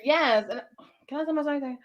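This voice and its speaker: A woman joins a relaxed conversation as co-host, lively and quick to laugh. Her voice sits a little higher than most. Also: dull audio, crowd noise. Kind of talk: casual chat.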